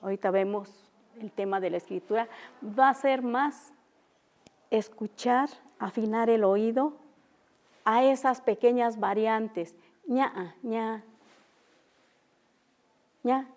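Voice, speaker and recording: In a university auditorium, a young woman from Oaxaca, Mexico, whose native language is Mixtec, leads an unscripted language lesson. Her slightly mellow voice is on the high side, and she halts often, filling gaps and repeating the example sounds.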